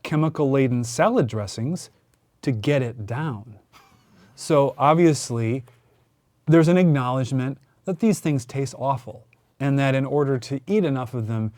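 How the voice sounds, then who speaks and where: A man's voice: mid-range voice, expressive, moderate pace, a little mellow, dry recording. A man co-hosting a casual chat, telling stories with playful self-mockery. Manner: playful, self-mocking storyteller. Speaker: co-host.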